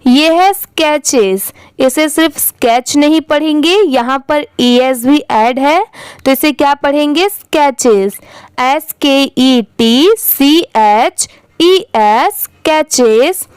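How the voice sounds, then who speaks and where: High-voiced woman teaching English slowly. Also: no room sound, low-quality recording. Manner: spells words letter by letter, then says them slowly. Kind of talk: slow spelling-out reading lesson.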